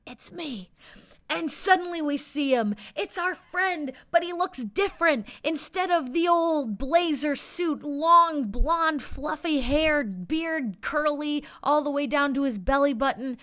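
A woman narrating a playful picture story in an animated, storytelling way. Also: high voice, measured pace, hardly any pauses, no room sound, studio quality. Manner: animated, making up a story as she describes pictures. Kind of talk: playful read-aloud storytelling.

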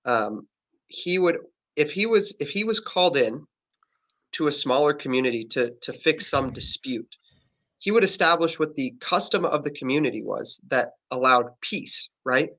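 A man's voice: fairly high pitch, expressive, normal speed, sharp tone. A man explaining political ideas in a casual podcast discussion, earnest and often correcting his own wording. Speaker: podcast guest.

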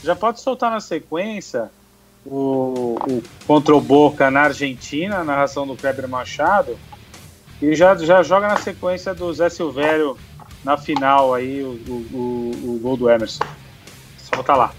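A man's voice: medium pitch, a little slow, soft background music. A man with a Brazilian accent hosting a casual chat show in an informal, conversational style. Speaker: show host. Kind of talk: casual chat, cueing audio clips.

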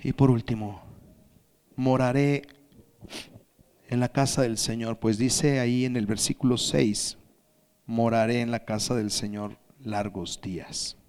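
A man preaching a sermon as pastor, asking the congregation questions and swinging from hushed whispers to shouted emphasis. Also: mid-range voice, steady tone, measured pace, pauses often, clear, resonant tone.

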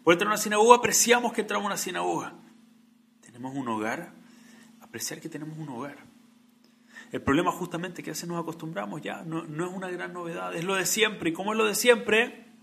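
Guy preaching a torah sermon, bright edgy voice, gets loud then goes quiet. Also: high voice, a little fast, vocal fry, long pauses. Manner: earnest, builds to emphatic peaks then drops to soft. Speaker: rabbi.

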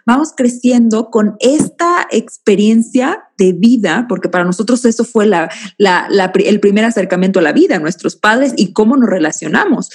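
A woman's voice: medium pitch, animated, normal speed, few pauses, breathy edge. A woman, a guest explaining feelings in a reflective, teaching way and addressing the host by name. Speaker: guest speaker on emotions. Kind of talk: explanatory conversational talk.

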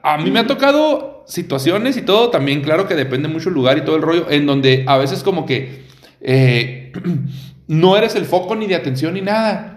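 Mexican male podcast co-host, high and animated, casual slangy storyteller, roomy recording. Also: normal speed. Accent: Mexican Spanish. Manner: slangy, laughing, lively storytelling. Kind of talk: casual chat.

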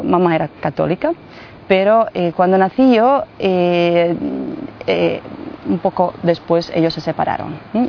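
A woman in her forties from Bosnia and Herzegovina, not a native speaker, telling her story in an interview with many fillers and pauses. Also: lowish voice. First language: Croatian. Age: 40s. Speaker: guest, translator and guide. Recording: muffled with faint noise.

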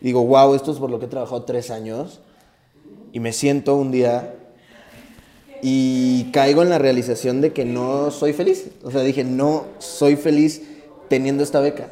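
A man's voice: mid-range voice, fairly even intonation, moderate pace, warm tone. A young man from Tabasco with a Mexican accent, a rapper telling his story in a casual interview in an earnest, reflective way. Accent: Mexican Spanish. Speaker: guest, rapper.

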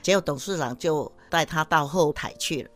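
A woman sales manager, telling a story in a lively lecture that often addresses the audience. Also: low voice, moderate pace, soft background music. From Taiwan.

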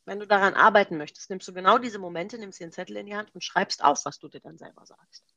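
A woman's voice: medium pitch, fast talker, pushed and bright, no room sound, muffled recording. A middle-aged woman coach explaining self-coaching exercises step by step in an interview, in a practical, example-driven way.

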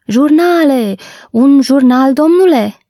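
A jaunty newspaper boy, cheerful and streetwise, as a woman puts him on. He calls out in brisk, lifted bursts over a gravelly, mellow, dry voice. It is a storybook reading. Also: high voice, lively intonation, dry recording, pitched above the performer's own voice. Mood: calling out.

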